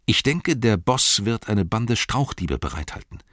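A man's voice: lowish voice, big pitch swings, a little slow, a bit bright, no room sound, clean studio sound, voice pushed up. Merry, a man doing a cheeky, cool hobbit. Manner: firm, mocking politeness.

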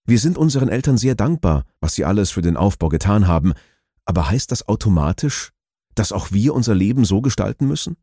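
A man giving scripted documentary narration in a measured, explanatory way. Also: fairly low pitch, very animated, dark tone, breathy edge, dry recording, studio quality.

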